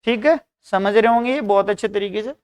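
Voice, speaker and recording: Guy teaching exam prep in hindi, reads english lines slow then explains, smooth clear voice. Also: high-pitched. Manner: repeats "dhyan rakhiyega" and "bhai" often. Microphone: screen recording.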